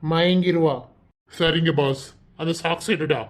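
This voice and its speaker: A man voicing a gruff, threatening kidnapper. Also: a little high, fairly even intonation, measured pace, natural voice. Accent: Kanyakumari Tamil. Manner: gruff, threatening, barking orders. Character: gruff male kidnapper gang, bossy and threatening. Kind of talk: cartoon voice acting.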